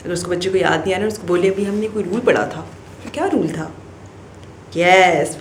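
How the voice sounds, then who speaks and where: A woman walks parents through a phonics lesson, talking in a slightly low voice and mixing Hindi-Urdu with English. She keeps checking in and acts out the child's replies. The room is echoey, with a faint hum of ambience behind her. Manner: explains in a mix of Hindi-Urdu and English, often checking with "ठीक है?"; acts out the child's answers in a lively voice. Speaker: teacher coaching parents.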